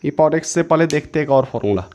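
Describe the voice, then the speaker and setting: A man's voice: fairly high pitch, lively intonation, rapid-fire, darkish tone. A man teaching an exam-prep maths lesson, repeating each step several times and correcting himself as he goes. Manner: self-correcting, says sorry mid-explanation.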